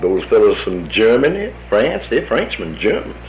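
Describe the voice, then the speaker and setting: An American veteran of the army, a man in his fifties, narrates his oral history folksily and acts out the people he quotes. His lowish voice swoops wildly in pitch at a moderate pace, and the low-quality recording has a little hiss or hum.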